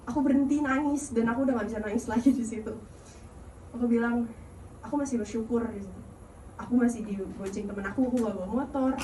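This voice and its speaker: A woman's voice: a little high, a little hiss or hum. Earnest young woman in an echoey hall. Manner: earnest, gentle, encouraging. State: nervous. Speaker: youth service speaker. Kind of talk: personal testimony sharing. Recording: echoey hall, voice far from mic.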